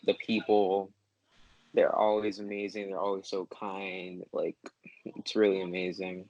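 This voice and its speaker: A young man talks eagerly about his city over a video call, repeating phrases and acting out what people say. His voice is fairly low and sounds close and dry. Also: monotone, unhurried, a little mellow, dry recording, highs cut off. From New York City. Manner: eager, repetitive, quoting others. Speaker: mentee. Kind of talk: casual video-call conversation.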